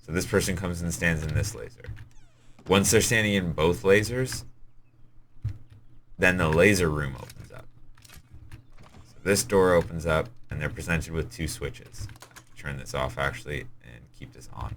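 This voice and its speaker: A man with a very deep, low-pitched voice talks through a game he built. He rambles and hurries, explaining puzzle after puzzle in a casual way. A faint hiss sits under his voice. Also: measured pace, long pauses, a bit bright. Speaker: game server admin.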